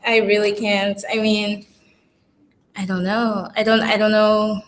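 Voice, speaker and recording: A woman's voice: mid-range voice, little pitch movement, a little slow, a little hiss or hum. A young woman, a master's student, speaking on a live panel in a casual, hesitant way with many ums. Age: young adult.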